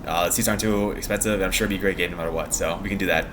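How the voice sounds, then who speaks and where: A man's voice: deep voice, steady tone, very fast, background noise. A young American man chatting casually in a vlog, rambling in a meandering, giggly way and often trailing off mid-thought. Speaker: vlogger.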